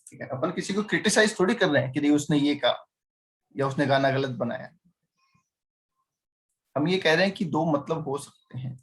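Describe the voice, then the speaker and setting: A man's voice: on the high side, normal speed, pauses often. A male teacher giving a chatty lecture, teasing his students and constantly quizzing them. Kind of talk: classroom lecture.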